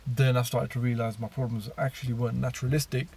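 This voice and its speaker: A man's voice: medium pitch, flat delivery, fast, vocal fry, a little mellow, slight background noise. A man telling his personal story in a casual monologue, rambling with many fillers and restarts.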